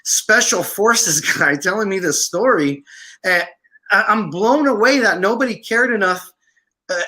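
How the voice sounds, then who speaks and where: A man from Syria, a guest on a podcast interview, telling stories in an animated way. His voice sits high and sounds bright and forceful, and he acts out what people said. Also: a little slow. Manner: animated, acts out quoted speech. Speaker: podcast guest, veteran filmmaker. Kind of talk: interview storytelling.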